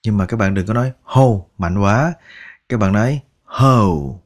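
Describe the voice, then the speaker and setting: Male language teacher, low-pitched, unhurried pronunciation drills, patient and coaxing. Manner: repeats each word slowly, drawing out sounds; patient, coaxing, ends phrases with soft particles. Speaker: English teacher. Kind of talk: slow pronunciation lesson.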